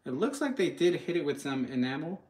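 A channel host gives casual live product commentary from his home kitchen, talking straight to viewers informally and a bit hesitantly. His voice is a little high and a little mellow, very animated and brisk.

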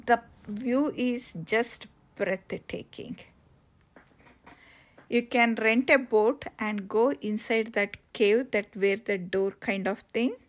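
Woman travel vlogger, slightly high voice, slow and halting casual narration, recorded on a phone outdoors. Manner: slow, halting with many fillers and restarts. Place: outdoors on coastal cliffs.

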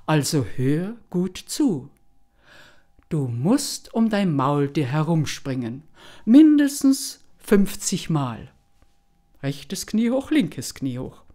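A woman storyteller voicing a knowing old village woman who gives calm, brisk instructions. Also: low voice, heavily acted. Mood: instructive. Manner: soothing, then brisk and instructive.

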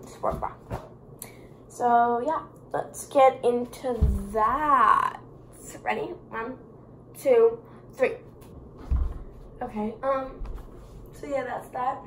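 A high-pitched young woman chats to her vlog camera slowly and playfully, with giggly bursts. Her voice bounces off a roomy indoor space, and faint ambient noise sits behind it. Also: a bit bright. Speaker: vlogger. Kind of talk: casual vlog chat.

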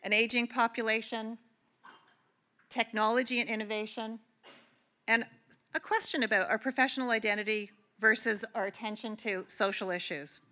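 A woman's voice: a little high, fairly even intonation, moderate pace, sharp tone. A middle-aged woman from Canada giving a conference keynote address, talking earnestly and conversationally with frequent restarts. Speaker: keynote speaker. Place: large convention hall.

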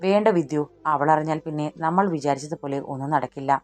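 A woman's voice: low-pitched, fast talker, a little mellow, natural voice. A woman voicing a firm, protective young husband. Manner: firm, earnest.

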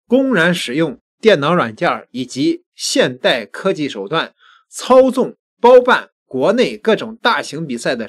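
A middle-aged man giving news commentary into a desk microphone, deliberate, with pauses and emphatic repetition. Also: on the high side. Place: small indoor studio at a desk. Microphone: desk microphone close in front.

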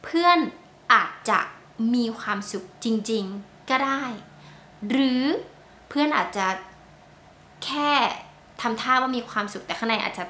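Thai woman English tutor, slow careful delivery, echoey room with faint hum. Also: fairly high pitch, sharp tone. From Thailand. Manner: slow, patient explaining with polite particles. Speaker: English teacher. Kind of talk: bilingual language lesson.

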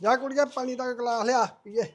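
A man's voice: very high-pitched, steady tone, fairly quick. A man playing an old-fashioned uncle who grumbles and complains. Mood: grumbling.

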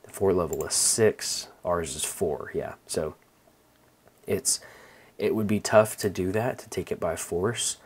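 A man hosting a let's-play, calmly talking through his moves with many ums and restarts. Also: sits low, a little slow, slightly rough. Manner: relaxed, rambling, many fillers and restarts. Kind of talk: casual gameplay commentary.

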